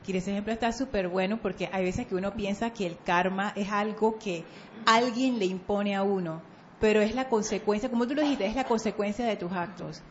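A woman's voice: medium pitch, brisk. Earnest woman explaining an idea. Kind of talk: casual conversation. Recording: slightly dull audio with faint noise.

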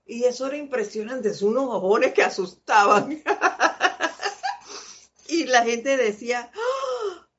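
A woman's voice: a little high, lo-fi sound. A woman hosting a live spiritual talk, telling stories from her life and often laughing as she teaches. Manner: slow, storytelling, laughs often. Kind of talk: informal spiritual talk with anecdotes.

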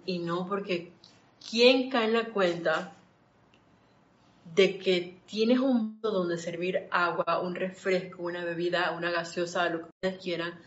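A woman's voice: lowish voice, highs cut off. Chatty woman leading a class. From Panama. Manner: chatty, warm greetings to viewers, digressive anecdotes. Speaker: spiritual study group leader. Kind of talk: live-streamed study class.

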